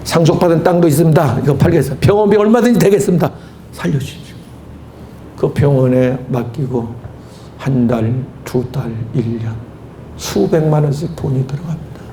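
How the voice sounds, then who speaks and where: Gravelly high-pitched Korean pastor preaching. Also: male voice, brisk, a little hiss or hum. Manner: dramatic storytelling, acting out voices, shouting praise. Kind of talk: sermon. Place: church hall at a retreat.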